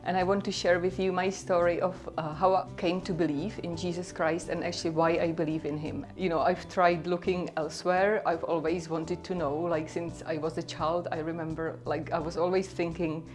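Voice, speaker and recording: A Czech woman shares her faith story in English with a Czech accent, speaking earnestly and conversationally with plenty of "like" and "you know." Her lowish voice is flat, at a moderate pace with few pauses.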